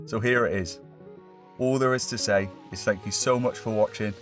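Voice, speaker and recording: A man wraps up his vlog in a relaxed, upbeat voice-over. His voice sits on the low side. Guitar music plays clearly beneath him. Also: normal speed. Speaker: fishing vlogger. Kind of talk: narrated voice-over outro.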